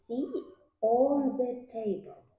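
A woman's voice: a little high, slow pace, warm tone. A young adult woman teacher speaks to a young child in simple, patient language, giving short prompts and questions one-to-one. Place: small indoor classroom. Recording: echoey room, slightly dull sound.

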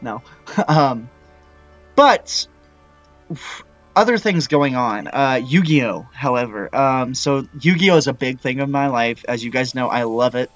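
A young man casually commenting while playing a video game, rambling with frequent excited outbursts. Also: medium pitch, measured pace, muffled recording, faint music behind. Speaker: gaming channel host. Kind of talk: let's-play commentary.

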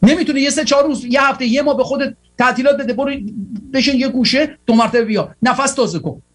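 A tired man hosting a political broadcast, giving a fervent, rallying monologue full of repeated exhortations. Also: very high voice.

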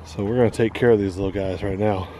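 A man's voice: lowish voice, steady tone, fast. Casual American man vlogging. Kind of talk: casual vlog narration.

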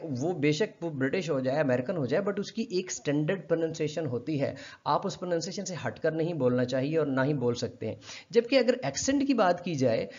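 A man's voice: a little high, a little mellow. Man teaching linguistics, muffled audio. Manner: formal, polite address, mixing English terms into Urdu. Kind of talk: explanatory video lesson. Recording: slightly dull, muffled sound.

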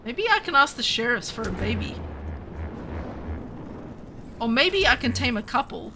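Canadian woman game streamer in her thirties, lively sing-song pitch, bright chatter over a noisy background; cast for an excitable, rambling feel. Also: measured pace. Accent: Western Canadian. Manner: chatty, excitable, jumps between topics. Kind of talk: casual livestream chat with viewers.

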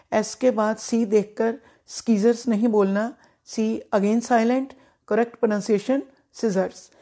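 Slow, mellow-voiced woman teaching pronunciation. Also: fairly high pitch, gravelly. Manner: slow, deliberate, repeats each word carefully. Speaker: English teacher, former principal. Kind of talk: pronunciation lesson in Hindi.

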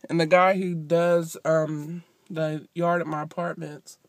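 Brief: young woman, casual vlogger on a phone outside, animated storyteller, close dry sound. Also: low voice, a little slow, no echo. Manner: animated, acts out other people's lines. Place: outdoors near an apartment. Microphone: phone held by speaker.

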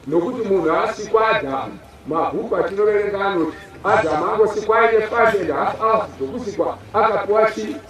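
A man's voice: high voice, quick pace, fairly bright tone, soft background music. A man preaching an open-air sermon to a gathering, calling out for answers from the crowd, heard from a distance. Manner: call-and-response preaching. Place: outdoor church field. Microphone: far camera. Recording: echoey open-air sound from far off.

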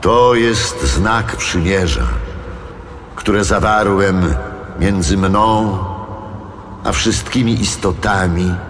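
A majestic, commanding God in an audio Bible drama. The voice is low and slow, declaiming solemnly in long cavernous reverb, with music behind it. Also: male voice, slight background noise. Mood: solemn, promising.

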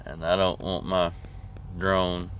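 A man in his forties with a drawl, rambling on in a relaxed, easygoing way and restarting his sentences a lot. His voice sits fairly low. He's talking to a camera held close in the cab of a parked truck. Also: takes it slowly, a little hiss or hum. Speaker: trucker vlogger. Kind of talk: casual vlog chat to camera. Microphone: camera at arm's length.

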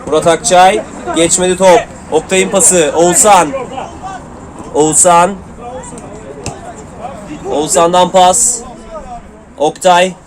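A man's voice: high voice, level tone, takes it slowly, long pauses, crowd noise. A man giving live play-by-play commentary on an amateur football match, calling out player names in short clipped bursts. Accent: Turkish.

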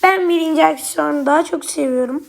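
A woman with a high, light voice narrates her gameplay in a casual commentary. She flares up and swears at opponents easily, then turns to chat directly with her viewers. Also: vocal fry, slight background noise. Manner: quick to anger, swears at opponents; chatty, addresses viewers directly. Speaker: gaming YouTuber.

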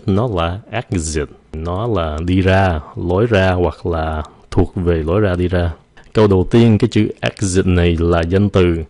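A man teaching an English vocabulary lesson in Vietnamese. He mixes English words into his explanations and stretches words out slowly to show how they are pronounced. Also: deep voice, a little mellow. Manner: slow, drawn-out demonstration of English pronunciation.

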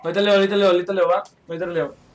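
Young guy, high voice, game streamer, banters with chat and yells during play. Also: little pitch movement, rapid-fire. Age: young adult. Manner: chatty, joking, reads chat aloud and calls out mid-game. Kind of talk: live gameplay stream chat.

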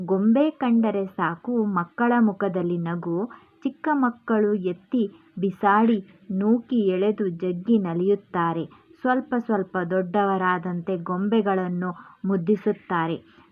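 A woman teacher with a Kannada accent works through a school lesson at an unhurried pace. She reads each line, then says it again in plain, loose talk. The sound is thin and narrow, like a phone line. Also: mid-range voice. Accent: Kannada, Karnataka. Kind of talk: reading a lesson aloud and explaining it.

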